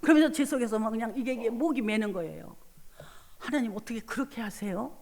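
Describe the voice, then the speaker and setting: Middle-aged woman preacher, revival testimony, slightly high voice, reverberant sanctuary. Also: quick pace, darkish tone. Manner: retells conversations, rising to fervent prayer. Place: church sanctuary. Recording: long hall reverb.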